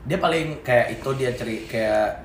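A young man telling a story as a podcast co-host, casual and slangy, acting out quotes with sudden loud bursts. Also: mid-range voice, moderate pace. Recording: echoey room, faint noise.

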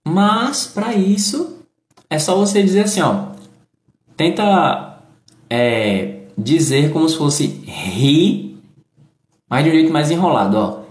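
A Brazilian-accented man gives a live online English lesson, modeling each phrase slowly and carefully. His pitch moves a lot as he explains, with an unhurried pace. The room around him sounds echoey. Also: big pitch swings. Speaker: English teacher.

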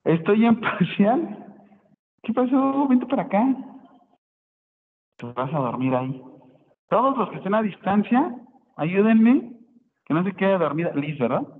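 A man's voice: high-pitched, very animated, measured pace. A man, explaining a nursing topic to his class and often asking questions back. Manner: explanatory, asks rhetorical questions, self-correcting. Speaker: nursing student presenting. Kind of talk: classroom presentation. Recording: tinny phone-line sound in echoey hall.

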